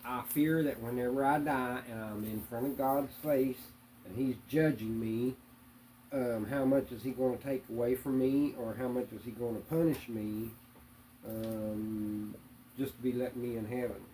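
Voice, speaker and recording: A man answering interview questions in a hesitant, plainspoken way, with many pauses and fillers. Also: mid-range voice, fairly even intonation, dark tone, a little hiss or hum, poor audio. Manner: hesitant, many ums and uhs; plainspoken, religious. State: hiccups.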